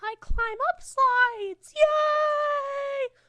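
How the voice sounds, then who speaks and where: A man's voice: very high-pitched, drawn-out words, noisy background, voice pushed up, full character voice. A man voicing a gleeful little child in a singsong, mock-childish squeal. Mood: giddy glee.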